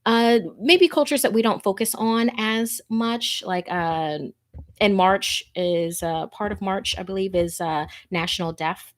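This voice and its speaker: Speaking unhurriedly in a mid-range voice, a woman hosts a scary story show on a livestream. She's chatty, informal and easily amused, talking to viewers and reading their messages and stories aloud.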